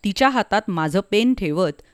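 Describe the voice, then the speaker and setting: A woman's voice: medium pitch, expressive, normal speed, dry recording. Woman storyteller, dry close sound. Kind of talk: narrating a story.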